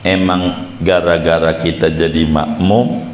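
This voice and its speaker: A man's voice: deep voice, little pitch movement, a little slow, a little hiss or hum. A man preaching in a chatty, joking way, drawing out words and explaining with asides. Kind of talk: casual religious lecture. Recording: echoey hall with faint ambience.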